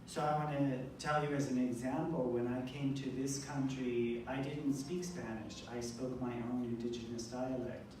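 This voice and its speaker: Heard from far off in an indoor event room, a man interprets someone's speech aloud at a public event. His mid-range, darkish voice holds a steady tone at a measured pace with hardly any pauses. The distant mic picks up a very echoey room and faint noise.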